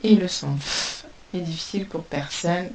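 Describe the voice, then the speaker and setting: A woman teaching a spelling lesson to young pupils, dictating words slowly and sounding out each letter. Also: fairly low pitch. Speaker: primary school teacher. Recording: distant mic with faint hiss.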